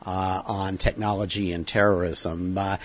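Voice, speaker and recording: A man hosting a podcast, talking in a halting way with many fillers. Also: sits low, flat delivery, lo-fi sound, a little hiss or hum. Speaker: podcast host. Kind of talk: casual podcast chat.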